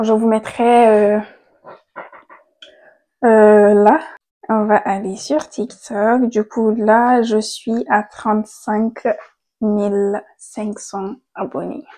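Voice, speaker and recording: A young woman vlogging casually into a handheld mic at home, chatty and quick to laugh, trailing off and restarting her thoughts. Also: on the high side, mellow. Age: young adult. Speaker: content creator. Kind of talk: casual vlog chat. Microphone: handheld microphone.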